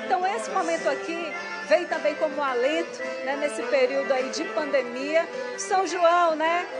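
A woman TV field reporter, chatting lively on air from an outdoor event. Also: high voice. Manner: lively, chatty, addresses anchor often. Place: outdoor community restaurant with live forró band. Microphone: handheld TV mic, masked. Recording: loud forró music and crowd behind.

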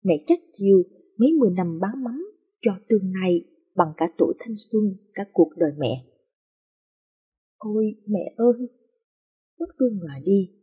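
A woman narrating emotional life stories in a soft, feeling storytelling manner. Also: mid-range voice, expressive, fairly quick, slightly rough.

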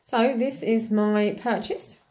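Her pitch is fairly high here, her tone steady and her pace slow. Filming on her phone as she wanders a large indoor farm shop, the vlogger still gushes and exclaims at her finds, with loud music playing in the background.

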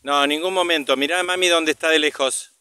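A man's voice: on the high side, steady tone, fast, sharp tone, no room sound. A man with a Rioplatense Argentine accent, a father filming a casual vlog as he walks, talking to camera and to his child. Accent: Rioplatense Argentine Spanish. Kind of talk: casual narration and chat with a child. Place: outdoors, walking along a path. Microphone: handheld camera or phone, held by speaker. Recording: outdoor recording with clear background noise.

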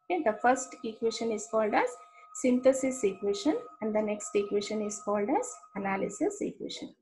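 Her voice is a little high, fairly quick and sing-song, with a darkish tone, and the recording quality is poor. This Indian English-accented woman explains engineering concepts step by step, often pausing to ask "okay" and repeating terms.

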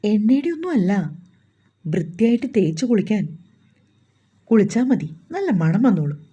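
A woman's voice: mid-range voice, big pitch swings, moderate pace, mellow, husky, muffled recording. A woman playing a flustered, scolding young bride.

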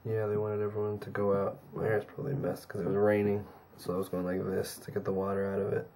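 A young man talking to his own camera in a casual daily vlog, rambling with fillers, hoarse and tired from a cold. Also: level tone, fast, mellow, a little hiss or hum. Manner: low-key, rambling with fillers. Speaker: vlogger.

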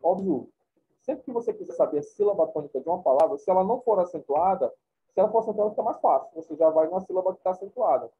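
A man gives a classroom lecture in a somewhat high, husky voice, repeating his points and checking in with the class. The recording is thin and phone-like. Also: animated, fast. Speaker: teacher.

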